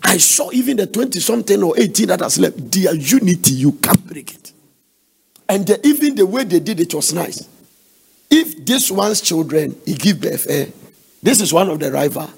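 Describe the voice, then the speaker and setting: A man's voice: sits high, lively intonation, moderate pace, vocal fry, a little hiss or hum. A man preaching an earnest sermon, exhorting and telling family stories. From Nigeria.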